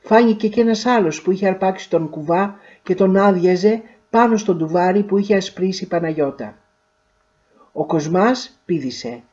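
A woman narrating a literary short story in a measured, expressive way. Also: mid-range voice, highs cut off.

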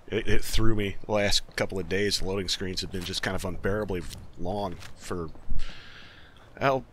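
A man's voice: sits low, moderate pace, fairly bright tone, slight background noise. A man hosting a let's play with a slight cold, rambling and joking casually while he plays. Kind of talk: casual gameplay commentary.

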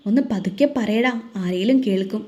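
A woman's voice: mid-range voice, a little fast, mellow, muffled recording, close to an everyday voice. A woman voicing a flustered young man, newly married, in a told story.

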